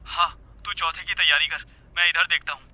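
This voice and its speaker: A flustered young friend on the phone, voiced by a man, rambling and dodging the question. His voice is high and very bright. He stammers and keeps circling back. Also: steady tone, a little fast, a little hiss or hum.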